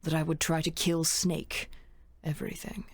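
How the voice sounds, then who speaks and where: A woman voicing a cold, smug older male killer, reading visual novel dialogue in a deliberate, drawn-out, resigned way. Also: low voice, level tone, husky, dry recording. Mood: calculating.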